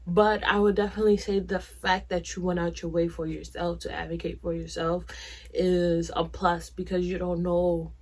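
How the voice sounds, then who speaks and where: A woman's voice: lowish voice, darkish tone. Blunt, chatty young New woman. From New York. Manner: candid, blunt and chatty with slang. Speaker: vlogger. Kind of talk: casual talk to camera.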